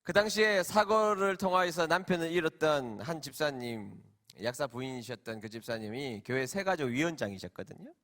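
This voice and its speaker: A middle-aged man, a senior pastor, preaching a sermon as emotional storytelling that swings from loud, stretched emphasis to hushed quiet. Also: a little high, fairly quick.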